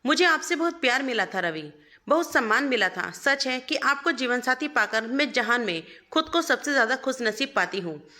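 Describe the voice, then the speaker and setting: A woman voicing a hurt, gentle young wife, reading her tender, pleading letter as storybook narration. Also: high voice, expressive, normal speed. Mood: tender, sorrowful.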